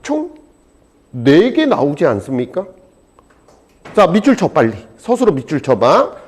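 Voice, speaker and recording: A man teaching a high school exam prep lecture, animated and jokey, swinging between loud and soft. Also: measured pace, husky. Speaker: Korean language teacher.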